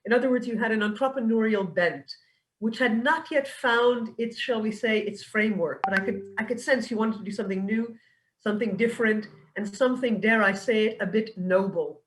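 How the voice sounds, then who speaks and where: A woman's voice: a little high, fairly quick. Thoughtful woman speaking from a distance. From New York. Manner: thoughtful, searches for words. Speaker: business school program director. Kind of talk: speech at an online event.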